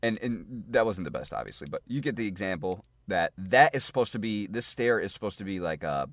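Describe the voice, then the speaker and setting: A man with a lowish voice walks through game tactics in a loose, chatty way, repeating phrases and thinking aloud as he plays. The sound is dry and close, with no room echo. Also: animated, a little fast. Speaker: gaming guide creator. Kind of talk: casual gameplay tutorial.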